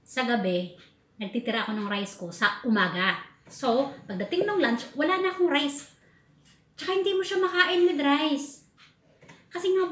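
A woman from the Philippines telling a food story in a casual vlog, animated and laughing as she talks. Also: on the high side. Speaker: vlogger. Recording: echoey room with faint ambient noise.

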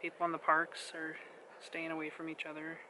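A man's voice: a little high, monotone, a little fast, sharp tone. A man in his early twenties with an American accent, chatting casually as a vlogger outdoors. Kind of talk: casual vlog chat. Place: outdoors on wooded trail and open prairie. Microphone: camera at arm's length or slightly behind. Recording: noisy outdoor handheld camera audio.

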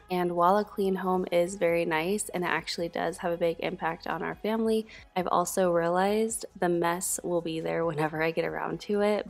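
A woman in her thirties talking in a soft, earnest voice-over about her home life. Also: on the low side, gravelly. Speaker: cleaning vlogger. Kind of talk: reflective voice-over.

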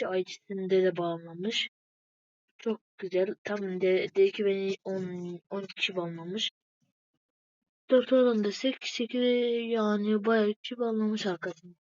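A woman's voice: medium pitch, dry recording. A woman giving casual gameplay commentary, chatting to viewers and calling them friends again and again. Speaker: gaming video maker. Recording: dull lo-fi dry recording.

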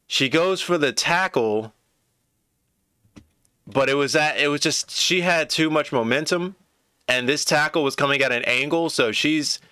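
A man streaming a rugby match, chatting casually and excitedly to his viewers as he reacts to the play. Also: medium pitch, clean tone, dry recording, clean studio sound. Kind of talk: casual live reaction commentary.

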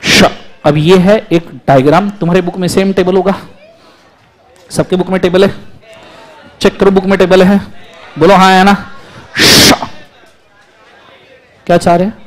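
A man lecturing a classroom on law in energetic Hindi with terms, often calling on students to answer aloud. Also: sits high, measured pace, long pauses, some chatter behind.

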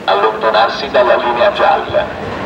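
An automated train station announcement in a man's voice, flat and measured. It booms from a distant loudspeaker across a very echoey platform. Loud rail noise sits behind it. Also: muffled recording. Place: outdoor railway platform.

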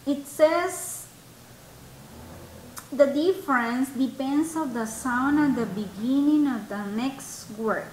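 High-pitched lady teacher, talks slow and patient, echoey room with a bit of hiss. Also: a little mellow. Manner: patient, repeats words slowly for learners. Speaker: English teacher. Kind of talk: online class explanation.

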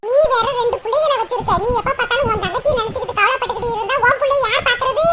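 A woman's voice: very high-pitched, very fast. A woman voicing a chatty, scolding middle-aged village woman in a cartoon, speaking a southern Tamil Nadu village dialect with laughs. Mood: advising. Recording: loud noise under cartoon voice.

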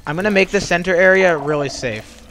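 A young man in casual gaming voice chat, bossy and swearing, often shouting at his teammates. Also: high-pitched, brisk, a little hiss or hum. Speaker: gamer.

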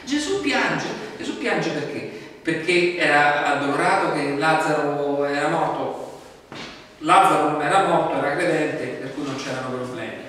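A man preaching a sermon as pastor, conversational and animated, acting out quoted dialogue with asides. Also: a little high, moderate pace, a little hiss or hum. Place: church sanctuary. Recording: echoey church hall from far off.

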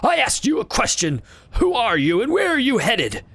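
A man voicing a ragged, sickly old beggar who claims to be the city guard, gruff and prodding, then mournful. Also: very high voice, huge pitch swings, moderate pace, a bit bright, no echo, pitched above the performer's own voice, exaggerated voice.

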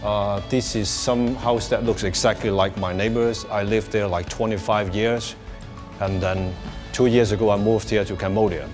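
A man from Hong Kong giving a presentation talk in a small room, measured and pausing often. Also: fairly low pitch, steady tone, a little mellow, soft background music. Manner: plain and measured, with many filler pauses. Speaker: guest speaker. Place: small meeting room with projector.

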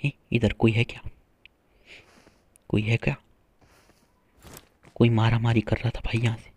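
A man's voice: mid-range voice, monotone, measured pace, a little mellow, husky. A man giving playful, boastful live commentary to viewers while playing a shooter game, with gunfire behind him. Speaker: gaming streamer.

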